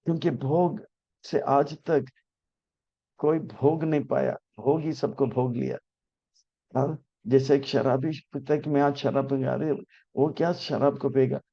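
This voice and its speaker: A man giving a devotional discourse on scripture and telling stories, pausing often with filler sounds and restarts. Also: mid-range voice, steady tone, vocal fry, muffled recording. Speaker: spiritual teacher explaining scripture.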